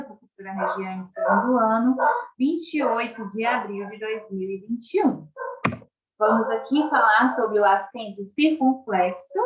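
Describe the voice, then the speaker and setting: A woman's voice: on the high side, slight background noise. Brazilian woman teacher, echoey dull recording. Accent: Brazilian Portuguese. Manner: slow, clearly articulated, stretches out words for children; keeps checking in with tag questions. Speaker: primary school teacher. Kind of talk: online video lesson for young children.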